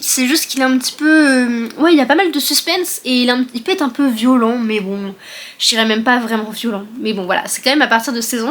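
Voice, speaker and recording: A young woman with a fairly high voice talks straight to the camera in a casual book chat. She rambles, corrects herself and fills pauses with little hesitations. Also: fairly bright tone. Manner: chatty, rambling with many fillers and self-corrections. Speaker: book vlogger.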